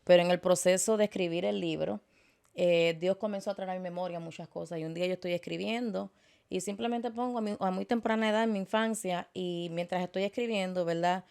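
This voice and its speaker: A female interview guest earnestly recounts her life in a personal testimony. Her low, gravelly voice has a darkish tone and fairly even intonation, and she often pauses and restarts, slipping in fillers and small English asides.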